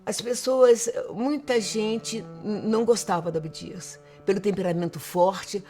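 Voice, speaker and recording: An interviewee speaking emphatically, often tagging sentences with a quick question word. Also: mid-range voice, darkish tone. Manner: emphatic, repeats "né". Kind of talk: testimonial interview.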